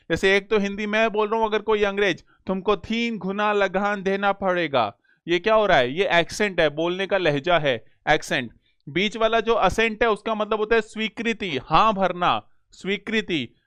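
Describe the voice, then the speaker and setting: A male teacher running a grammar lesson, reading English sentences slowly and then explaining in quick talk, asking his students questions. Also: sits high, a bit bright, clear, resonant tone, no echo. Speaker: competitive exam English teacher.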